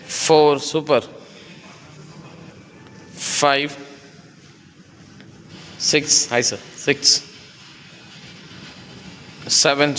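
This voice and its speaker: A man's voice: a little high, pushed and bright, big-room sound. A man working as a fitness trainer, counting reps and coaxing and teasing his client through a workout in a gym. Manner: counts reps, coaxes and teases the client playfully.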